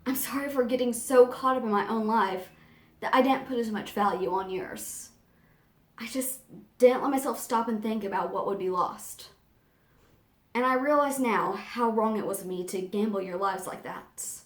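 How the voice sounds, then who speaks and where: An anxious young woman played by a woman reader confides in a dramatic first-person monologue, conversational yet theatrical. Her voice sits a little high, and the room around it echoes clearly. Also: normal speed, natural voice. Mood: earnest, pleading. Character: anxious young woman with memory gaps, confessing urgently.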